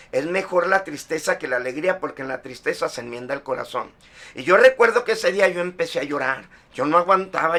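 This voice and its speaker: Bright-voiced male pastor preaching. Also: fairly high pitch. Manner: testimony-style preaching, frequent "amén". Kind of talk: sermon.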